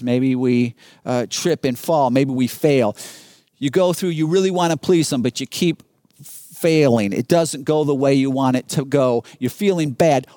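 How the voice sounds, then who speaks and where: Brief: male pastor, high voice, emphatic repetitive preaching, dry close sound. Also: a little mellow, dry recording. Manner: emphatic, repeats phrases, storytelling. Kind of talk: sermon.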